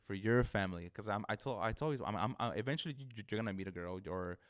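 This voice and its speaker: A man with a lisp from missing front teeth, chatting earnestly and casually as an interview guest, often repeating words. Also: lowish voice. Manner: earnest, halting with repeated words, frequent "you know". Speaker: barber, podcast guest.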